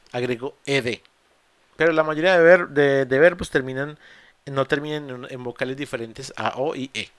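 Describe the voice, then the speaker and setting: A man's voice: on the high side, a bit bright, clean tone, no room sound. A man teaching English grammar in an online class, explaining rules step by step in a patient way with frequent fillers and restarts. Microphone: computer mic in a video call.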